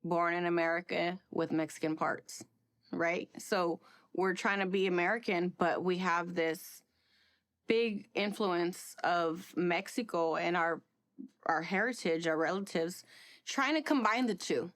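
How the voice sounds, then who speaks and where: A woman's voice: on the low side, a little slow. A woman in a casual interview, speaking thoughtfully and without hurry.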